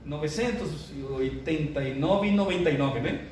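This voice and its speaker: Older male pastor, chatty and joking, slightly high voice, distant mic, booming church hall, room noise. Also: normal speed. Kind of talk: informal sermon opening. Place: church sanctuary.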